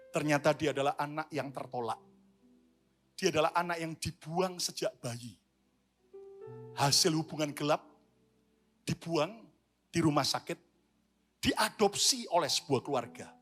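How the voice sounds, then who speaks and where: A male pastor delivers an energetic sermon in a fairly high, bright, ringing voice. He calls on the congregation to repeat after him and keeps the room engaged. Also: measured pace, pauses often, faint music behind. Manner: energetic preaching with call-and-response to the congregation.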